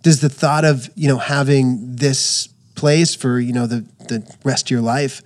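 A man's voice: medium pitch, fairly even intonation, measured pace. Hesitant, rambling male podcast host. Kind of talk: casual interview.

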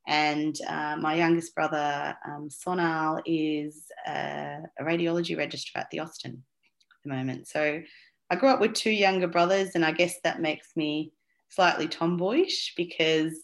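A woman's voice: deep voice, steady tone, moderate pace, creaky. A woman, an interview guest who talks casually with many fillers and restarts. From Australia. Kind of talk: conversational interview.

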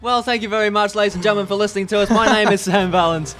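A man's voice: high voice, fairly even intonation, racing, fairly bright tone, faint music behind. Giggly young male radio host. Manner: giggly, easily amused. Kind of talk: casual live radio banter. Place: outdoor broadcast caravan at a market.

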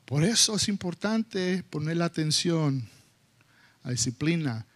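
A pastor delivers his sermon slowly and deliberately, his voice sitting high for a man. He is animated, slipping into English phrases and sometimes acting out scolding his kids. It sounds like a church service. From United States. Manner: animated, acts out scolding his children in high loud bursts; slips between Spanish and English.

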